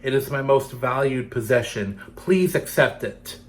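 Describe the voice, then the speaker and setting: A man's voice: medium pitch, animated, a little slow, a little hiss or hum, close to an everyday voice. A man voicing a small orphaned girl in a children's story, praying solemnly and pleadingly to the spirits. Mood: earnest pleading.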